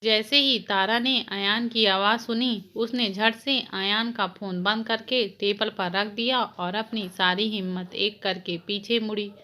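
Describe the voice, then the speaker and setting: A woman narrating a scripted drama story in a slow, dramatic reading. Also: mid-range voice, fairly even intonation, bright, forceful tone.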